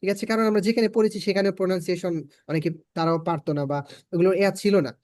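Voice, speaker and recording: A man's voice: high-pitched, steady tone, fast talker, a little mellow, no echo. A man with a Bangladeshi Bengali accent teaching an online spoken English class, patiently repeating his points for learners.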